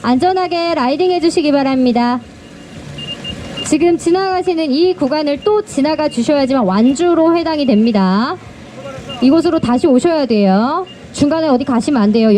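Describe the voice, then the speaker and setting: A woman's voice: high voice, expressive, moderate pace, warm tone. A woman making live public announcements at an outdoor cycling start, giving riders instructions in a courteous customer-service manner. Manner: repeats safety instructions encouragingly. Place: outdoors at a race start line. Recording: noisy outdoor recording with passing vehicles.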